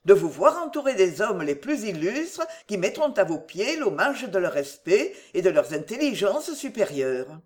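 A woman voicing a proud, jealous British gentleman who speaks haughtily and with exasperation in an audiobook. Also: medium pitch, sing-song, moderate pace, few pauses, close to an everyday voice. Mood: pleading. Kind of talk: audiobook character reading.

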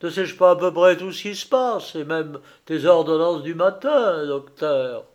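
A man reading an audiobook, voicing a coolly mocking revolutionary leader with a high, sharp voice. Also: animated, measured pace. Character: shrill, icily calm revolutionary leader, man.

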